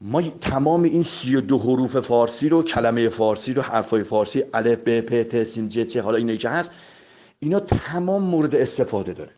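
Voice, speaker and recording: A voice coach with a mellow, mid-range voice gives a spoken vocal lesson, politely addressing listeners and repeating sounds to demonstrate them. The recording is dull and lo-fi.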